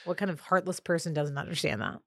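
A woman's voice: low-pitched, fast talker, creaky, a bit bright, no echo, studio quality. Chatty woman giving dating advice. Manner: chatty, lots of "like" fillers, opinionated. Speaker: podcast co-host. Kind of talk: casual advice chat.

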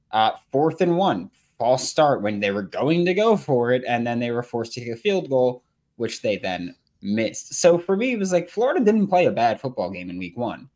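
Very animated man talking sports. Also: mid-range voice. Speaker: sports podcast host and panelist. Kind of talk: casual sports commentary.

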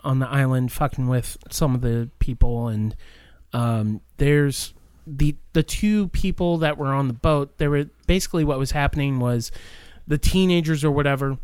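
A man's voice: mid-range voice, normal speed, hardly any pauses, darkish tone, clear, resonant tone, dry recording. A man casually reviewing a horror film on a podcast, rambling with lots of fillers. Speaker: podcast co-host. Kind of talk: casual movie review chat.

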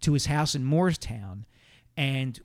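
A man talks quickly and clearly, working through his argument point by point. His voice sits at a middle pitch, and he sounds at ease in casual talk. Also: expressive. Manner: brisk, explanatory, makes points in order. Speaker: sports columnist guest. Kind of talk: casual chat.

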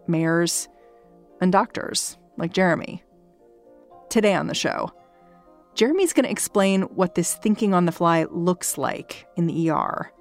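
A woman hosting a podcast in a conversational but scripted way, recorded close in a small closet at home. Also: fairly low pitch. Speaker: podcast host.

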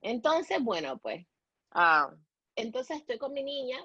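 With a sing-song, pushed, bright yet husky voice on the high side, a woman from the Dominican Republic raised in Puerto Rico shares a personal story on a podcast. Her Puerto Rican Spanish is halting, full of restarts and English words, and the audio is dull with no echo.

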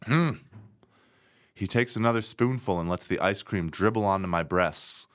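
A man co-hosting a podcast, reading a romance novel aloud with deadpan, sarcastic asides. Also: low voice, normal speed, no echo, clean studio sound. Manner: sarcastic, deadpan asides between read passages. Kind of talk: casual chat with dramatic reading.

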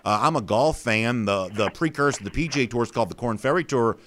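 Guy hosting sports talk, mid pitch, kinda rambly and opinionated, lots of you knows. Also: lively intonation, fast talker, fairly bright tone, a little hiss or hum. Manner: opinionated, thinking aloud with many fillers. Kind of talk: conversational sports interview.

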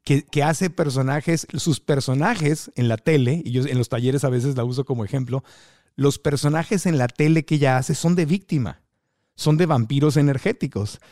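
A man hosting a podcast conversation, telling lively anecdotes and imitating people he quotes. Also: mid-range voice, moderate pace, dry recording, studio quality. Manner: lively storyteller, mimics voices in anecdotes. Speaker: podcast host.

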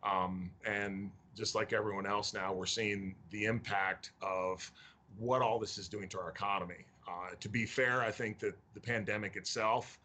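Soft-spoken mayor on a video call. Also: male voice, fairly low pitch, fairly even intonation. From Tennessee. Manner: measured, with frequent fillers. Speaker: county mayor, interview guest. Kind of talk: remote interview over video call.

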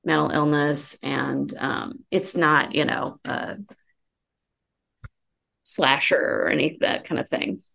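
A woman writer chatting as a podcast guest, talking quickly and rambling, often restarting her thought. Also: deep voice, fairly even intonation, creaky, a bit bright. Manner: quick, rambling, self-correcting. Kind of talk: casual conversational interview.

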